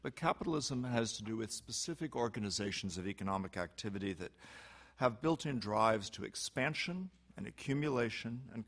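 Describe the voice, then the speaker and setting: A man with a fairly low voice speaks on an academic panel as a university head. He lectures fluently and in measured phrases, building his argument point by point. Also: gravelly, a bit bright.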